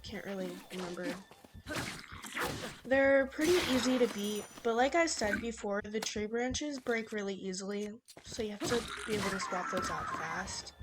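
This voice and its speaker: A woman's voice: mid-range voice, moderate pace, very noisy. A young woman giving casual, instructive gameplay commentary as a let's play host, chatty and with many fillers.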